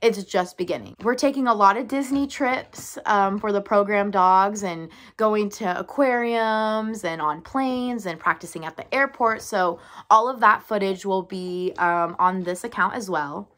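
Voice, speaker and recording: A woman's voice: mid-range voice, a little slow, hardly any pauses, a bit bright. Bubbly, giggly young woman vlogger. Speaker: service dog trainer and vlogger. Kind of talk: casual vlog chat to followers.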